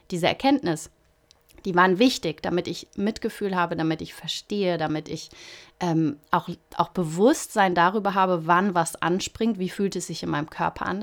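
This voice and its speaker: Woman, lowish pitch, earnest reflective coach monologue, candid and searching. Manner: earnest, searching, self-disclosing.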